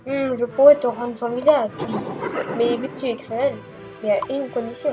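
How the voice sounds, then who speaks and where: Woman playing a gloating dark lord. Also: on the high side, steady tone, moderate pace, loud music behind the voice, natural voice. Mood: gloating menace. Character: gloating male dark lord villain, theatrical and cruel.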